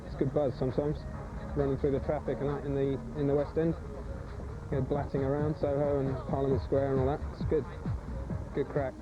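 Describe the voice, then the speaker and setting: A man's voice: mid-range voice, flat delivery, brisk. Man, driver, easygoing talk, muffled worn-tape sound, music behind. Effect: worn VHS tape copy. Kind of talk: casual interview talk.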